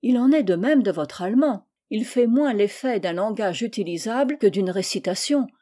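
A woman reads a humorous novel aloud at an unhurried, even pace. Her voice has a mellow, dark warmth and sits at an ordinary pitch. She shades the characters only lightly. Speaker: audiobook reader.

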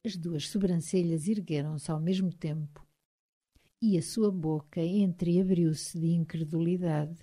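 Portuguese lady reading a novel aloud, low warm voice, measured and steady. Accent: European Portuguese. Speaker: audiobook narrator. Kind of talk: scripted narration of a novel.

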